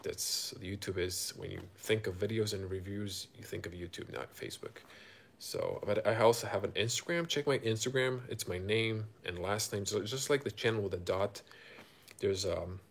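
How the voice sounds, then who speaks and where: Hosting a live stream as a car reviewer, this man from Croatia talks to viewers in an offhand, unscripted way, pausing and musing out loud. His accent is Croatian and his voice sits on the low side.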